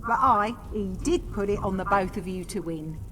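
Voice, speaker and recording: A woman's voice: medium pitch, moderate pace, a bit bright, lightly acted. A woman playing a shrewd, plainspoken bookmaker at a fight pit in a fantasy video game. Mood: wry, worldly. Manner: folksy, plainspoken. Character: brisk shrewd female fight-pit bookmaker, daughter of a gambler. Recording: hall reverb, faint noise.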